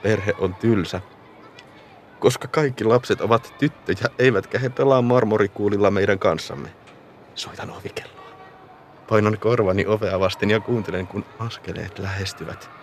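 A man narrating a radio play as a boy remembering his childhood, in a calm, reflective and often hushed manner. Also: fairly low pitch, a little hiss or hum, close to an everyday voice.

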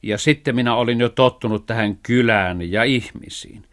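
A man voicing a thrifty, practical male cat in a children's story reading, talking brisk and matter-of-fact. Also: mid-range voice, close to an everyday voice.

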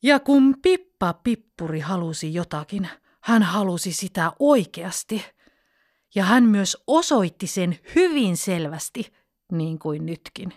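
Lively woman reading a children's story. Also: mid-range voice, no echo, clean studio sound. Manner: expressive, animated storytelling.

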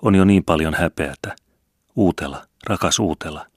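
A desperate young girl pleading in short, broken phrases, as a deep-voiced male reader puts her on. The voice stays very low, and the reading is dry and close. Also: no echo.

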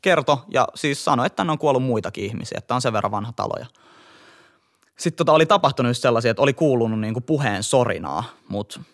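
Animated young man telling a story. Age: young adult. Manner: animated, jumps up and down in pitch while telling a story. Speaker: podcast co-host. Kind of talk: casual storytelling chat.

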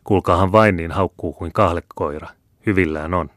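A man voicing a calm, bearded older sergeant who talks in an unhurried, grimly matter-of-fact way. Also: low-pitched, dry recording, clean studio sound, natural voice.

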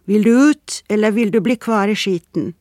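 A reader voicing a gruff, bitter middle-aged male sculptor with curt, coarse remarks, in a storybook reading. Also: medium pitch, a little mellow, no room sound, studio quality, close to an everyday voice. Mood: scornful.

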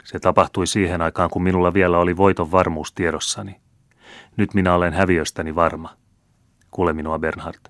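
Brief: male reader doing an impassioned old general, deep voice, louder than the narration. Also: flat delivery, no room sound, clean studio sound. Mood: solemn. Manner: grave and impassioned. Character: aging proud male general, father. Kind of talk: audiobook character reading.

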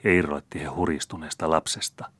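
A man narrating a classic novel as an audiobook in a measured, even way. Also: extremely low pitch, slightly rough, no echo.

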